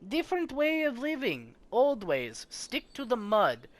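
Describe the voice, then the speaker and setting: A man voicing an odd little bog-dweller who speaks slowly in a rhyming, sing-song way. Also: very high voice, huge pitch swings, voice pushed up, heavily acted. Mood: solemn.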